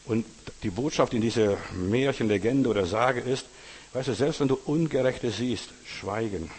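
A man's voice: medium pitch, normal speed, darkish tone, slightly rough, big-room sound. A man preaching a sermon informally, speaking to the listener as a friend and retelling parables. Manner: informal, addresses listener as du, retells stories with acted quotes.

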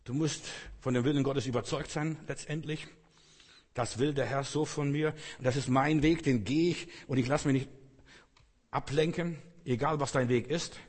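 A man's voice: medium pitch, steady tone, normal speed, darkish tone, husky, in a large hall. A man preaching a sermon in a conversational way, often turning to the listener directly. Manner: conversational, addresses listener with "weißt du".

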